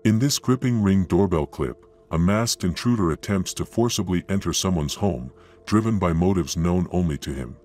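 A man's voice: deep voice, moderate pace, few pauses, a little mellow, soft background music. A man reading dramatic, suspenseful scripted narration in a grave, florid nature documentary manner.

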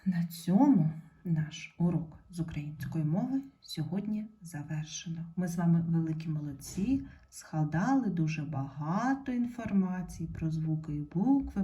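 A woman teacher giving a recorded video lesson to young pupils, dictating words clearly and praising the class as she guides them step by step. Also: low-pitched, mellow. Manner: slow, clear dictation of words for children to write down. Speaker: primary school teacher.

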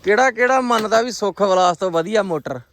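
A man's voice: high voice, fast talker, fairly bright tone, a little hiss or hum. A man chatting informally as a vlogger to viewers and a companion outdoors. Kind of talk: casual village vlog chat.

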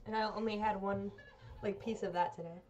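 A woman's voice: medium pitch, steady tone, fairly quick, a little mellow, lo-fi sound, faint music behind. A woman streaming a video game, chatting casually with friends and laughing often. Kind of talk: casual gaming stream chat. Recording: noisy background.

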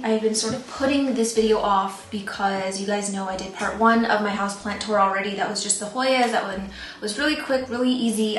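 A young woman vlogging casually from her plant room, chatty and rambling with self-deprecating asides. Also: medium pitch. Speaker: plant YouTuber. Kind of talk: casual vlog talk to camera. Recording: roomy echo, faint ambient noise.

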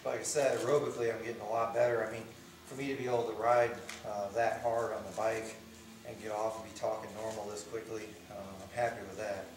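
Middle-aged man, casual vlog chat, slightly winded, distant camera mic, roomy garage echo, clear background hum. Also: on the low side, fast talker. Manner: relaxed, rambling, self-deprecating. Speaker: fitness vlogger. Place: home garage gym. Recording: echoey garage, far from camera.

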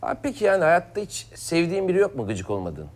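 An actor playing an eager, placating amateur therapist in a comedy sketch. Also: male voice, fairly high pitch, wildly swooping pitch, fast. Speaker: psychologist.

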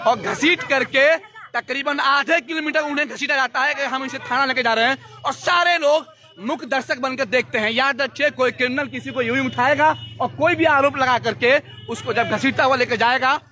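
A man's voice: extremely high pitch, moderate pace, bright, forceful tone. A male field reporter, reporting live on a street and urgently confronting people on the spot. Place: busy street outside a court campus. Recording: noisy outdoor street recording with crowd. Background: crowd and traffic.

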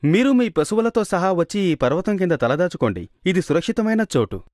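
A man voicing a brave young cowherd hero in a cartoon, calling to his friends with calm authority. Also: high voice, fairly quick, no echo, clean studio sound. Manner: commanding, reassuring calls to friends.

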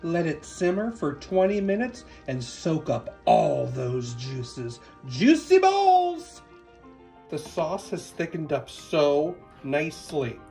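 A man in his thirties hosting a casual home cooking video in his kitchen, with animated, gushing exclamations. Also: a little high, slow pace, soft background music. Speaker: cooking channel host. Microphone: camera at close range.

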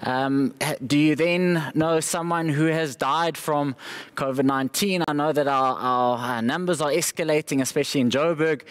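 A young man preaching a livestreamed sermon in an empty church auditorium, talking to online viewers in a conversational way with fillers. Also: fairly high pitch. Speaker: pastor.

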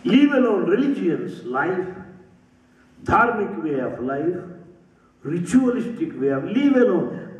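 A man giving a spiritual talk in a temple, speaking slowly and rhythmically with repeated phrases and humorous asides. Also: fairly high pitch, a little mellow. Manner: slow, rhythmic, with repeated phrases and rising and falling emphasis; humorous asides that draw laughter. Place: temple hall. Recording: roomy, distant, dull hall recording.

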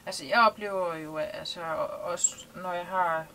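A woman's voice: lowish voice, fairly even intonation, a bit bright, a little hiss or hum. A woman in her thirties from Denmark, talking casually and thoughtfully in an interview, with many hesitations, seated in a small boat cabin. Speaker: interviewee, liveaboard sailor.

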